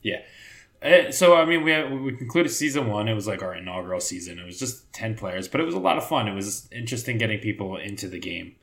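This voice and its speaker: A man's voice: fairly low pitch, sing-song, fast talker, vocal fry, a bit bright. A man hosting a podcast in casual chat, his audio echoing in an untreated room. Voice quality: echoey sound. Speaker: podcast host. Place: new home studio still being set up.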